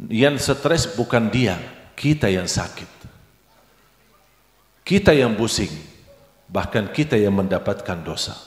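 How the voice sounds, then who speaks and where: A middle-aged man preaching a sermon with storytelling, animated and acting out the dialogue in his stories. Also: mid-range voice. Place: large hall at an Islamic boarding school. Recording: echoey hall with long reverb.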